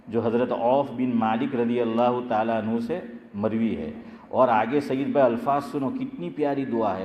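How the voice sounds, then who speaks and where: A male Islamic scholar giving a lecture, telling anecdotes and asking rhetorical questions that he answers himself. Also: mid-range voice. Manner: lively storyteller, rises sharply when telling jokes. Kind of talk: Urdu religious lecture with anecdotes. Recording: echoey hall, dull lo-fi sound.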